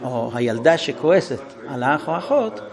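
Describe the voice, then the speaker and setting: A man's voice: mid-range voice, vocal fry, a crowd in the background. A man giving an informal parenting talk to a group, telling stories and acting out dialogues between parent and child. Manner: animated storytelling, acting out dialogues. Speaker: parenting lecturer.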